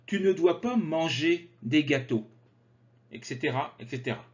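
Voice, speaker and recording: A man teaching French grammar, slowly and carefully articulating conjugation drills. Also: a little high, expressive. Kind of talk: slow grammar lesson with drills. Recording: slightly dull lo-fi sound.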